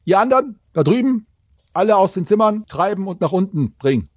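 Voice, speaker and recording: A man's voice: high-pitched, sing-song, a little fast, a little mellow, no echo, studio quality, pitched above the performer's own voice. A man voicing a stern town guard sergeant in a fantasy tabletop game, giving clipped orders. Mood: commanding. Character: stern, commanding male town guard sergeant in full armour.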